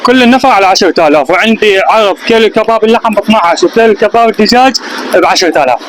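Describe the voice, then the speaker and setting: Male restaurant owner, Iraqi Arabic accent, high register, rapid casual listing delivery. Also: a little hiss or hum, low-quality recording. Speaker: grill restaurant owner being interviewed. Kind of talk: casual interview answers, listing items.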